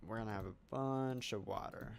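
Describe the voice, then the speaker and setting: Casting note: a man with a low, gravelly voice, casual gaming commentary over faint keyboard clicks. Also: moderate pace, a little hiss or hum. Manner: relaxed, thinking aloud while building. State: hiccuping. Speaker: gaming channel host. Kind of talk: casual let's play commentary.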